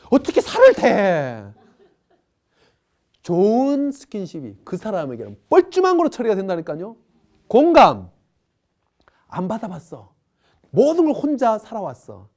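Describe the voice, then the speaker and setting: A woman's voice: medium pitch, warm tone. A middle-aged woman giving a parenting lecture, acting out the people she describes as she talks.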